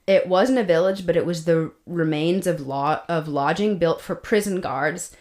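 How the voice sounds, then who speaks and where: Woman, podcast host, casual storytelling, chatty, fillers, lowish voice, echoey room. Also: moderate pace, darkish tone. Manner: chatty, laughs often, many fillers and restarts. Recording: roomy echo.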